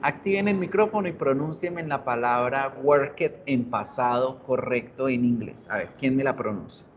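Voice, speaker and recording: A man teaches an English grammar class online, explaining in both Spanish and English, asking students questions and repeating example words. His mid-range voice moves at a moderate pace, and the audio is dull and lo-fi with faint hiss.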